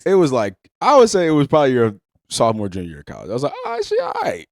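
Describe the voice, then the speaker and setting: A man's voice: medium pitch, very fast, no room sound, studio quality. A man in his thirties, a podcast guest, talking in an easygoing, joking way as he tells stories. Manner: easygoing, joking, lively storyteller. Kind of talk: casual conversation. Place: indoors, on a couch.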